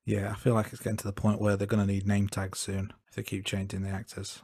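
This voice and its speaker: A man's voice: on the low side, completely flat delivery, fast, gravelly, a little mellow, breathy edge, no room sound, studio quality. A man co-hosting a film podcast, wry and self-deprecating, with frequent ums. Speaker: podcast co-host. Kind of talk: casual film review chat.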